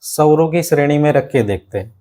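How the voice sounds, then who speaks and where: Brisk and mellow, a slightly high male voice with lively intonation runs a grammar lesson for students preparing for exams. He breaks things down step by step, uses many rhetorical questions, and repeatedly addresses the students as his friends.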